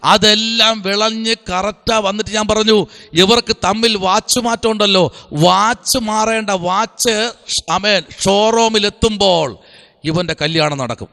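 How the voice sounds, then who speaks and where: A man with a high, bright voice preaches a fervent Pentecostal sermon. He keeps breaking in with "praise the Lord" and "amen" between his sentences. Long hall reverb trails after his words. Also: normal speed. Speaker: pastor.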